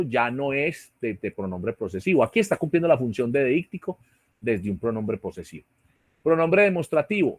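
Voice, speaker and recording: A male teacher with a Colombian Spanish accent lectures an online class over a computer mic on a video call, explaining things and checking in with "¿sí?" and "¿cierto?". His voice sits on the high side, and the recording is dry and studio quality.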